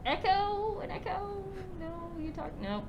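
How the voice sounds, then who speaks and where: A woman with a high voice, chatting casually during a tabletop game. She takes her time, with animated pitch. Noise and rumble are clear in the recording. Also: unhurried, dull audio.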